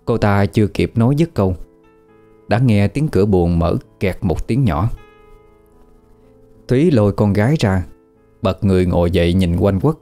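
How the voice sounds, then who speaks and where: A man narrating a ghost story in a steady storytelling manner. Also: on the low side, normal speed, pauses often, faint music behind.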